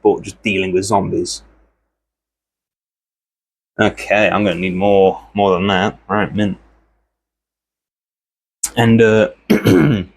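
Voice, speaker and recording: The host, a man with a lowish-leaning voice, runs an art channel and chats loosely while working. His talk meanders from thought to thought, broken up by regular throat-clearing.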